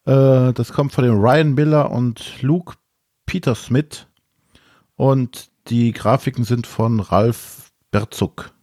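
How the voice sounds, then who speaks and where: A man co-hosting a board game podcast, giving a hesitant, measured critique in casual chat. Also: medium pitch, fairly even intonation, warm tone, dry recording, clean studio sound.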